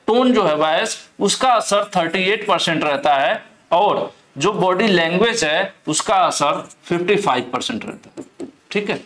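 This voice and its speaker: A man's voice: on the high side, a bit bright. Young guy teaching an exam class, repeats stuff a lot, roomy echo. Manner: explains slowly, repeats key words, reads English questions aloud. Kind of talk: exam-prep video lesson. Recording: echoey room.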